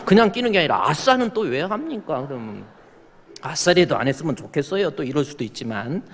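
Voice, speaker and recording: This Korean-accented pastor delivers his sermon briskly and with great animation, his voice sitting on the high side. He spins homespun stories and plays out small scenes of people in his congregation. Slight background noise mixes with the long reverb of the big sanctuary.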